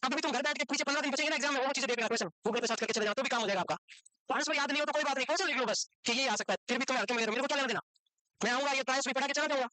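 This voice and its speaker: A woman with a high-pitched, bright, forceful voice races through a nursing exam class lecture in a classroom. She quizzes her students and scolds them when they don't know the answers.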